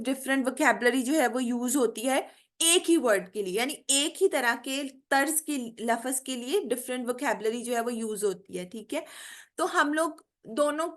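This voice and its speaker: A woman teaching a spoken English lesson in Hindi, enunciating English example words slowly and often asking "theek hai?". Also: high voice, fairly bright tone. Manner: frequent "theek hai?" check-ins and "uh" fillers. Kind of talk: online spoken English lecture.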